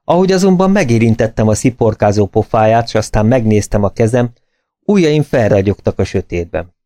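A man with a lowish voice narrates an audiobook in a steady, measured storytelling manner. The recording is dry and studio quality.

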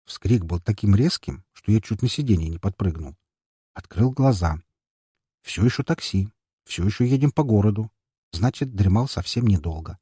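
A man reading a first-person audiobook story with expressive narration. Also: fairly low pitch, normal speed, slightly rough, no echo, clean studio sound.

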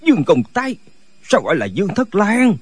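Quarrelsome old wuxia immortal, radio drama, pedantic squabbling, husky, dry close sound. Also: male voice, high voice, huge pitch swings, a little fast, dry recording, heavily acted. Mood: bickering. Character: bickering, dim-witted old male martial immortals.

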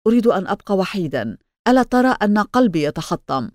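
A woman's voice: mid-range voice, sing-song, quick pace, a little mellow, no echo, studio quality, natural voice. A woman voicing a proud, moody young man in an audiobook, reading his cold, emotional lines. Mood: bitter.

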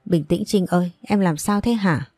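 A woman narrator voicing a calm young man who tries to soothe a friend. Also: lowish voice, moderate pace, no echo. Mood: soothing.

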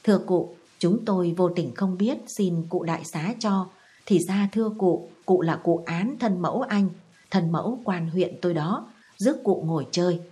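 A woman's voice: lowish voice, normal speed, dark tone, natural voice. A woman voicing a young male schoolteacher who speaks with deferential, very formal politeness.

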